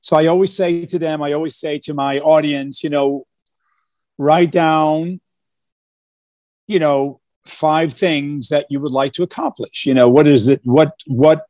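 A man's voice: fairly high pitch, fairly even intonation, measured pace, a little mellow, no echo, clean studio sound. A man from Portugal talking about his life as a guest on a video call, earnest, with many fillers and repeated starts. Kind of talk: casual interview talk.

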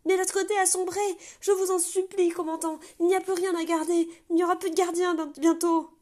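A man's voice: extremely high pitch, flat delivery, a little fast, darkish tone, voice pushed up. A woman voicing a terrified male gate guardian who screams and sobs as he begs to be let in. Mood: desperate. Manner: screaming, pleading, sobbing.

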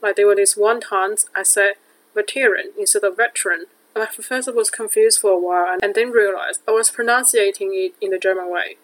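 A young woman hosts a podcast and talks through a prepared script. English is not her first language, and her delivery stays even and measured. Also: mid-range voice, rough recording. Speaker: podcast host.

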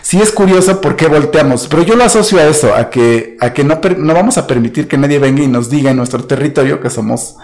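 A man's voice: fairly high pitch, animated, fast talker, few pauses, a little mellow. A man with a Mexican accent chatting on a podcast, telling anecdotes with many fillers and tag questions. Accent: Mexican Spanish. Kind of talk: casual chat.

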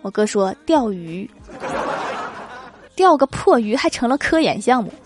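A young woman host reading funny anecdotes as comic narration, with lively storytelling that acts out the quoted lines. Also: fairly high pitch, brisk, noisy background. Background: background music.

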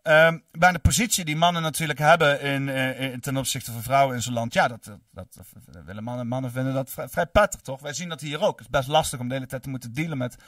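A man's voice: mid-range voice, steady tone, fast talker, hardly any pauses, fairly bright tone, dry recording, studio quality, recorded from a distance. A man hosting a livestream, reading and answering chat in a rambling, cursing way full of fillers. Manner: rambling, profane, many fillers.

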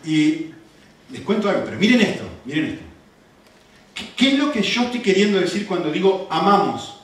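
Brisk and high-voiced, this middle-aged Argentine pastor drives his sermon with lively storytelling and a stream of rhetorical questions. The echoey room and distant mic place him well away from the listener.

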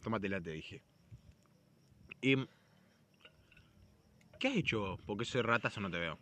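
A man's voice: fairly low pitch, expressive, unhurried, sharp tone. A young Argentine man talking in a casual chat, rambling and slangy, swearing freely and restarting his sentences often. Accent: Argentine Spanish.

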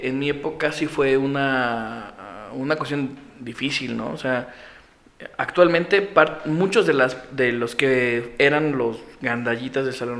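A man in his thirties from Mexico City with a Mexico City accent, a podcast guest telling stories in slangy, animated talk. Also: medium pitch, vocal fry. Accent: Mexico City Spanish. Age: 30s. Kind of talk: casual podcast chat.

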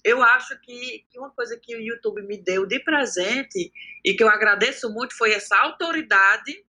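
A man's voice: very high voice, moderate pace, pushed and bright. Outspoken man with a Ceará accent. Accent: Northeastern Brazilian, from Ceará. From Cariri, Ceará, Brazil. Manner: outspoken, emphatic, acts out quoted dialogue. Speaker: content creator, podcast guest. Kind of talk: casual podcast chat.

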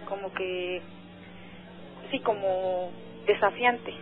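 Calling a radio program, a Mexican-accented woman speaks extremely slowly in a mid-range voice with fairly even intonation. She recounts her story in an earnest, hesitant phone-in conversation packed with fillers, heard through a tinny line with faint music.

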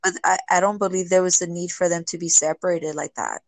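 Woman interviewee, social worker type; earnest and halting, low-pitched, dry sound. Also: fairly even intonation, vocal fry, no echo. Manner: earnest, halting, many restarts. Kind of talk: emotional interview talk.

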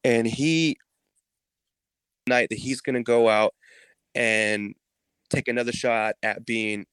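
A man, a podcast guest, retelling a story in a casual, animated way and laughing often. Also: medium pitch, slow, smooth, no room sound.

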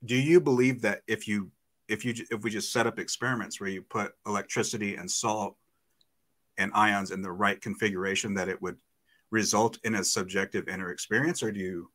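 A man in a casual call-in debate, asking questions hesitantly with frequent pauses. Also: lowish voice, fairly even intonation, fairly bright tone.

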